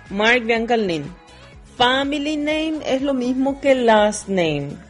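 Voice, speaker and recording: A woman teaching an English lesson, speaking slowly and patiently. Her voice sits a little low, and she moves between Spanish and English as she explains each exercise. Faint music plays behind her. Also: a little mellow. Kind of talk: recorded classroom lesson explaining worksheet exercises.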